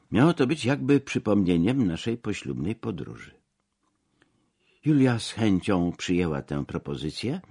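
A man reading a memoir aloud as audiobook narration, measured and expressive. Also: deep voice, slightly rough.

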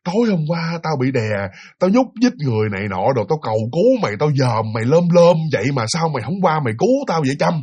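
A man's voice: fairly high pitch, big pitch swings, quick pace, few pauses, a little mellow, breathy edge, muffled recording. A man voicing a frightened young woman student who stammers as she pleads and complains. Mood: reproachful. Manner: stammering, trembling with fear.

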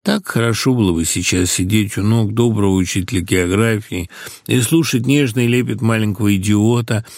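A man reading a satirical novel aloud in a lively, expressive storytelling manner. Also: on the low side, moderate pace, no room sound, clean studio sound. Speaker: reader.

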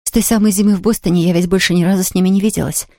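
A woman reading aloud, voicing an eager, chatty young girl who talks in quick exclamations. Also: on the low side, fairly even intonation, a little mellow, dry recording, studio quality, lightly acted. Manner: breathless, rapid, exclamatory.

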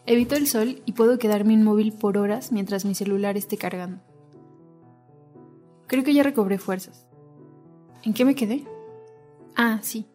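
Female narrator-host, reflective scripted read, mellow tone, soft music bed. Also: mid-range voice, moderate pace, long pauses. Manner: reflective, intimate.

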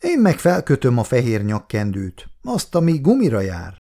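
A man's voice: medium pitch, wildly swooping pitch, warm tone. A man reading aloud and voicing a wry, grumbling older working-class husband with a dry sense of humor.

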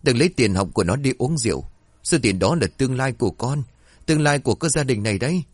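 A long-suffering, devoted mother, played by a man who begs through tears and then turns gently firm. Her voice rises and falls a great deal and sounds dry and close. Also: on the low side, expressive, a little fast, breathy edge, dry recording. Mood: pleading. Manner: pleading, tearful.

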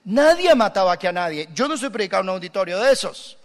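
High-voiced Colombian pastor preaching. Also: male voice, rapid-fire, long reverb tail. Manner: lively, humorous, puts on voices of listeners. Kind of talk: sermon. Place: church.

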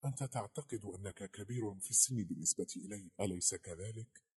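A man voicing an earnest young woman who speaks softly and hesitantly in a storybook reading. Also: fairly low pitch, quick pace, husky. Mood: tender.

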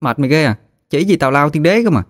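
A man voicing a bold ten-year-old village girl, high and chatty. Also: lively intonation, fast talker, dry recording, clean studio sound. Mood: curious.

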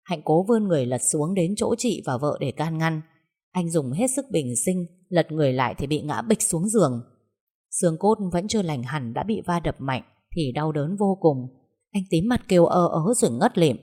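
A woman narrating a story in a steady, dramatic tone. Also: low-pitched, moderate pace, breathy edge.

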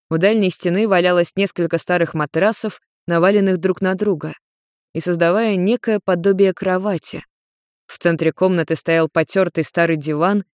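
A woman with a low voice reads a story aloud in a calm, even manner. The recording is dry and close, with no room sound at all. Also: no room sound. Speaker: narrator. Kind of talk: storybook reading.

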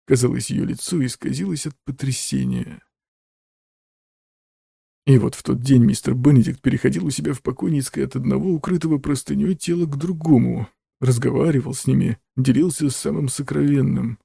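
Gravelly, dark male narrator. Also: medium pitch, dry recording, studio quality. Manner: measured, even storytelling. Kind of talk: audiobook narration.

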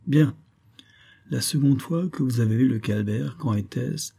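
A stern judge, read by a man, presses his questions in a measured, probing way. The tone is mellow and slightly husky. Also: mid-range voice.

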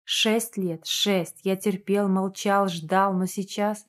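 A woman's voice: medium pitch, fairly even intonation, slow pace, lightly acted. A woman voicing a domineering, possessive werewolf man in an audiobook, his lines growled and insistent. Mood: roaring, demanding.

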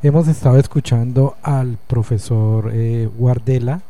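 A man's voice: mid-range voice, unhurried, dark tone. A man hosting a radio interview, asking questions in a conversational way and summing up his guest's answers. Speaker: radio show host.

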